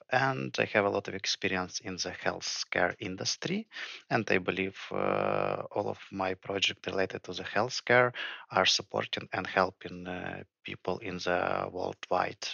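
A man's voice: low voice, creaky, pushed and bright, dry recording. A man introducing himself in a podcast interview, hesitant and full of fillers. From Ukraine. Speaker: senior project manager. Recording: dry, dull lo-fi mic.

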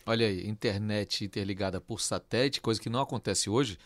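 A man hosting a news podcast, explaining in a measured way with frequent "é" fillers. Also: on the low side, a bit bright, no room sound. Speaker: podcast host.

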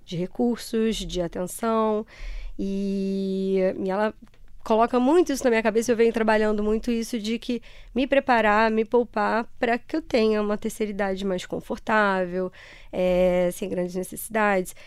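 A woman's voice: mid-range voice, steady tone, moderate pace, smooth, dry recording, studio quality. A Brazilian woman with a carioca accent from Rio, answering conversationally as an interview guest in a reflective, explanatory way. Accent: Brazilian, Rio de Janeiro (carioca). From Ceará, Brazil.

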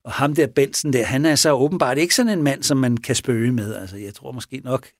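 A man casually retelling a true crime story, animated and chuckling as he goes, often checking in with his listener. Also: medium pitch, dry recording, studio quality. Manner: chuckling, animated, asks for agreement.

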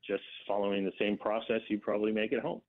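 A man's voice: fairly low pitch, level tone, quick pace. Phone-line man, radio interview guest. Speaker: bakery company representative, interview guest. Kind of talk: conversational radio interview answers. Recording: narrow, tinny phone line.

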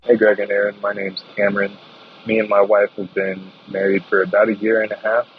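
Low flat man in a voicemail. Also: brisk. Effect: played voicemail message. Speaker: caller. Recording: dull lo-fi voicemail with faint noise.

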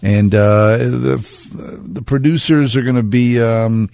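A man's voice: mid-range voice, fairly even intonation, takes it slowly, vocal fry, dark tone, no echo. A man hosting a radio show, chatting casually and rambling with lots of hesitations. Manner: rambling, hesitant with many fillers.

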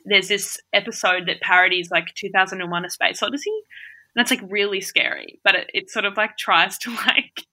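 A woman's voice: mid-range voice, steady tone, fairly quick, sharp tone. A young woman in casual chat, rambling and laughing often, with many fillers. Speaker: conversation partner.

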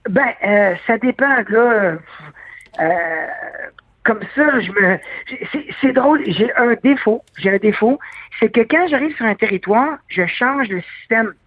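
Speaking with a Québécois accent, a man from Quebec answers a casual interview, stumbling through fillers and restarts. His extremely high voice has lively intonation and a slightly slow pace, heard clean of room sound but through a dry, tinny phone line.

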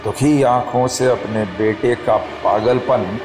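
A man narrating an audio drama in a measured storytelling manner. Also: medium pitch, over music.

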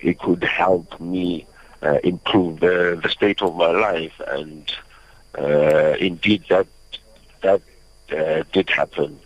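Low-voiced young South African man, slightly muffled. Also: steady tone, slow. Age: young adult. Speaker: interview guest. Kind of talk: personal account in a radio interview. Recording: slightly muffled radio audio.

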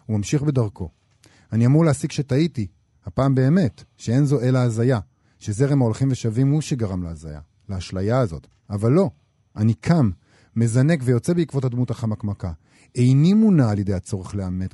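A man reading a novel excerpt aloud on a radio show, in a measured, expressive way. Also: mid-range voice, dry recording, studio quality.

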